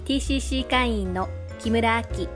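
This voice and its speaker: A woman reading a podcast's scripted opening in a clear, bright way. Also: fairly high pitch, normal speed, soft background music. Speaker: podcast announcer.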